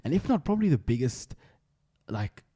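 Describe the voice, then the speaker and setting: A man's voice: medium pitch, very animated, normal speed, mellow, slightly rough, dry recording, clean studio sound. A young man with a South African accent hosting a podcast in casual, slangy chat, often repeating his phrases. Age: young adult. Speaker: podcast host.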